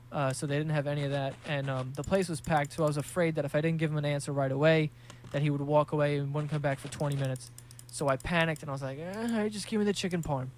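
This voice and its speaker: A man's voice: fairly high pitch, fairly bright tone, a little hiss or hum. Profane rambling New guy. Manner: profane, rambling, jokey storytelling. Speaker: podcast host. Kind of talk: casual podcast monologue.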